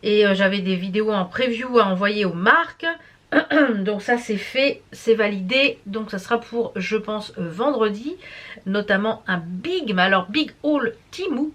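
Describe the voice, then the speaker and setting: A tired beauty and embroidery vlogger chats casually to the camera, rambling and stumbling over her words. Her mid-range voice is animated and a bit bright, though her pace is a little slow.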